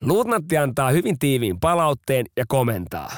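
Lively male podcast storyteller. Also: mid-range voice, dry recording, clean studio sound. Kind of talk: scripted storytelling narration.

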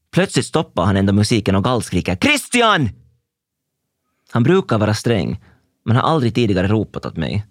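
Young male narrator, intense and introspective, dry close sound, animated delivery. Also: fairly low pitch, no echo. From Finland. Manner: intense, introspective present-tense telling. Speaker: dancer telling his own story. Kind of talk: scripted first-person narration.

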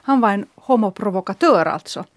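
A woman with a Finland Swedish accent, a podcast guest giving brisk opinions. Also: medium pitch, lively intonation, dry recording. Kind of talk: casual chat.

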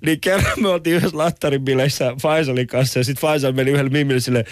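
A man's voice: medium pitch, steady tone, no room sound, studio quality. A man co-hosting a casual chat, telling funny stories with laughter. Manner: laughing storyteller. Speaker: co-host.

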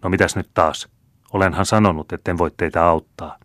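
A harsh old village witch, voiced by a man reading the tale, scolds in a low, curt voice. The recording is close and dry, with no room sound. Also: steady tone, a bit bright, dry recording. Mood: stern. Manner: snapping, scolding. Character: stern old woman, short-tempered village witch.

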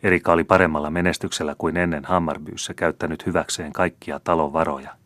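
A man reading a classic novel aloud as an audiobook, in steady, measured narration. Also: rumbling low, no echo. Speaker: audiobook reader. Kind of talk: scripted narration.

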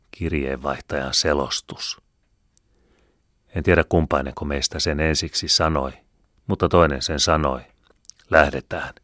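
A man reading a first-person story aloud in a measured, solemn, reflective way. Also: extremely low pitch, a bit bright, dry recording, clean studio sound. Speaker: audiobook narrator. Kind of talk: scripted first-person narration.

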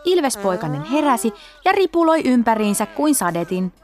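A woman narrating a storybook in a lively storytelling way. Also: on the high side.

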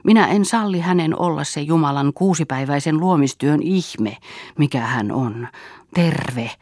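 A brooding young man pleads with the woman he loves, intense and restless, as a woman reading a novel aloud gives him voice. His tone is breathy and close, with a dry, dead sound around it. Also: deep voice, darkish tone, no room sound. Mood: self-reproaching. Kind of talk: audiobook reading.

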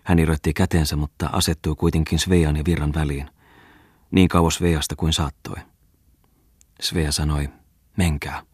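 A man narrating a literary audiobook in a measured, even manner. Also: extremely low pitch, breathy edge, no echo, clean studio sound. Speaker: audiobook reader.

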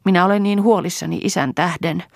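A woman's voice: low voice, lively intonation, vocal fry, darkish tone, husky, no room sound, clean studio sound, pitched above the performer's own voice, heavily acted. A woman reader voicing a worried, devoted young woman who speaks earnestly and solemnly in a raised, strained voice.

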